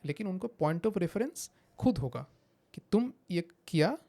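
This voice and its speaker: A man's voice: high-pitched, big pitch swings, slow, gravelly, warm tone. A man, a psychiatrist guest explaining patiently with examples and slipping into English phrases. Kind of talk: explanatory interview talk.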